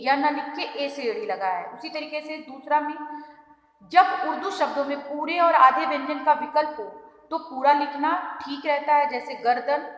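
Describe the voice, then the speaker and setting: Lady teacher going over grammar rules, repeats each example, high voice, room rings with long reverb. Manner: explains slowly, repeats examples, addresses children. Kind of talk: classroom grammar lesson.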